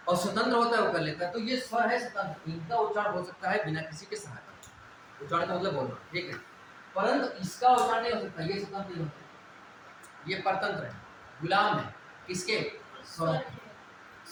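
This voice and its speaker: A male teacher giving a classroom lecture, asking questions and answering them himself and repeating the key points. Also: sits high. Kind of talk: classroom lecture on Hindi grammar. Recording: very echoey room with background noise.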